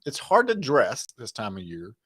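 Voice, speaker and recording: A man's voice: mid-range voice, huge pitch swings, moderate pace, fairly bright tone, husky, dry recording, studio quality. A man hosting a podcast, asking friendly questions in casual chat. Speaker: podcast host.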